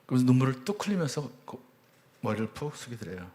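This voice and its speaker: A man in his fifties, a church elder, telling his personal testimony with earnest storytelling, his voice swelling high at emotional peaks and dropping to a hushed near-whisper at tender moments. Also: big pitch swings, fast.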